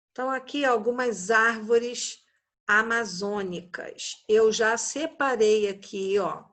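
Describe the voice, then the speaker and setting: A Brazilian woman teaching a recorded class to young children, explaining slowly and patiently and often tagging her sentences with a questioning "né?". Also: a little high, fairly bright tone. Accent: Brazilian Portuguese. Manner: slow, patient, explanatory, frequent "né?" tags. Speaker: schoolteacher.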